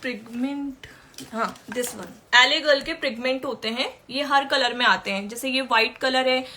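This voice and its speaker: A woman's voice: high voice, moderate pace, sharp tone, a little hiss or hum. A woman makeup artist teaching makeup in a chatty way during a live-stream tutorial, answering viewer questions as she works.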